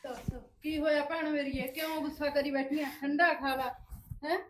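A woman's voice: high-pitched, level tone, normal speed, a bit bright, a little hiss or hum. An actress with a Punjabi accent playing a village wife who coaxes and soothes an upset woman. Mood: coaxing. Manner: coaxing, soothing. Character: soothing village wife, middle-aged, coaxing. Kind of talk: village web series drama.

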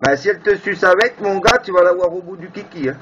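Speaking quickly in a high voice, this man jokes around crudely and teases others during a casual amateur radio exchange. He operates a ham radio and makes videos, and the FM audio is muffled and very noisy.

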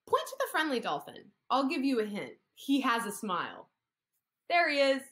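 She's an occupational therapist in her thirties, reading a picture story to young children from an indoor room via laptop webcam. Her fairly high voice is bright and sing-song, and she prompts the kids to follow along with her hand gestures.

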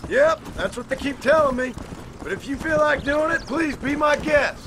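A man's voice: extremely high pitch, lively intonation, normal speed, background noise. A man playing a terse, defiant gunslinger in a Western video game, curt and dry in his delivery. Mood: dryly resigned.

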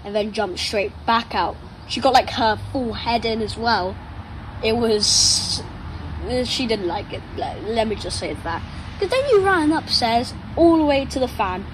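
A nine-year-old child chatting casually and playfully to a pet dog, rambling affectionately, recorded outdoors. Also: medium pitch. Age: child, nine years old. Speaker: young vlogger talking to a pet dog. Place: outdoors on a patio chair. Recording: noisy outdoor ambience.

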